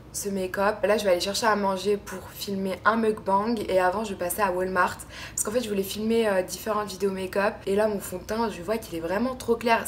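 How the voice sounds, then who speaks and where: Slangy young Frenchwoman vlogging, noisy background. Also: medium pitch. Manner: slangy French youth street speech, mixing in English asides. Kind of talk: casual vlog chat. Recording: car and ambient noise.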